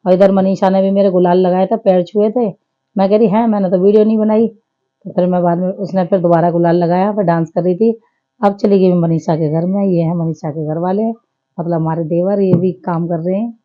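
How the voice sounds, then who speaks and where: A woman's voice: fairly low pitch, fairly even intonation, moderate pace, lo-fi sound. Chatty woman narrating a family vlog. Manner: chatty, homely running commentary. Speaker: family vlogger. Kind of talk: casual vlog voice-over.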